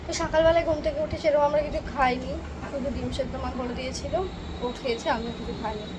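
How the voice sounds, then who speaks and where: A woman's voice: high-pitched, fairly even intonation, quick pace, very noisy. A young woman, chatting casually and rambling through stories for her vlog. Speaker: vlogger. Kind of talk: casual vlog chat and voice-over.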